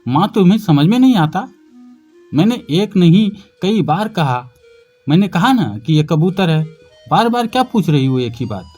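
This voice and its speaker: Impatient, shouting adult son, as a male narrator puts him on, over faint music. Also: fairly high pitch, animated, moderate pace. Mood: irritated. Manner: irritated, shouting.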